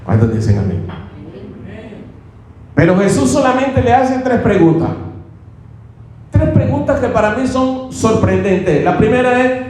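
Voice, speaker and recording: Man preaching, fervent pastor, high lively voice, very echoey church hall. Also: measured pace, pauses often. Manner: preaching fervently, calling out to the congregation. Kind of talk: sermon.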